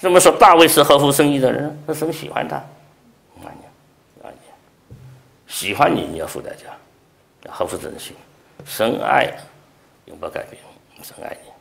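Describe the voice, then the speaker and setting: A male pastor preaching a revival sermon, swinging from loud emphatic peaks down to soft, hushed asides. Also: mid-range voice, brisk, creaky, reverberant. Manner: animated preaching, rising loud then dropping to soft near-whispers.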